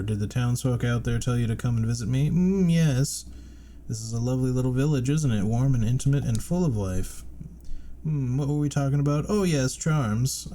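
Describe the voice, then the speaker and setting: A man's voice: medium pitch, mellow, pitched above the performer's own voice, close to an everyday voice. A man voicing a cozy, doting female charm shopkeeper from a video game, chatty and sweetly welcoming as he reads her dialogue. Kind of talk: reading game dialogue in character.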